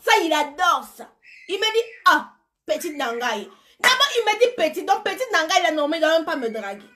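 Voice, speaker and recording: High, bright-voiced woman gossiping. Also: very animated, fairly quick, slight background noise. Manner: gossipy, playful, repeats words and mimics others. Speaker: live streamer commenting on news. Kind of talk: animated storytelling chat.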